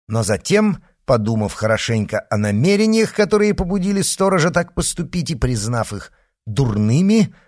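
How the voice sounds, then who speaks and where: A man narrating an audiobook with a lively, expressive delivery. His pitch rises and falls widely through each sentence, and the recording is dry and close, with no room sound. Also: no echo. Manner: expressive, lively reading with acted dialogue. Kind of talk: scripted narration of a classic novel.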